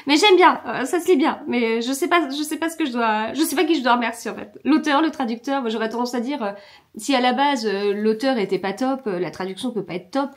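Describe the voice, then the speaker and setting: A woman chatting casually in a reading vlog, hesitant, with many fillers and restarts, sometimes trailing off into soft muttering. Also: a little high, a little fast. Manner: mutters softly while searching her book. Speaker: book vlogger. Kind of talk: casual chat.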